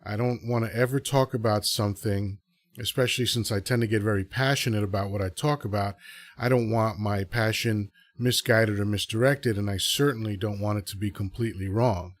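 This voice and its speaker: Here the Dominican podcast host talks briskly in a lowish, steady voice. Addressing his live audience alone, he rambles casually and earnestly, often revising what he just said.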